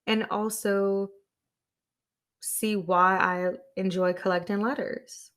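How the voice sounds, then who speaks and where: A woman's voice: mid-range voice, fairly bright tone. A woman podcast host talking on her own to her listeners. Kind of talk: solo podcast talk.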